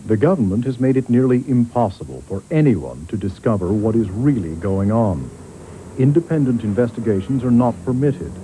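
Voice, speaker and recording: A man, a journalist, giving measured, grave documentary narration, heard from a worn VHS tape copy. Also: medium pitch, expressive, warm tone, a little hiss or hum, rough recording. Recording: faint music underneath, worn tape.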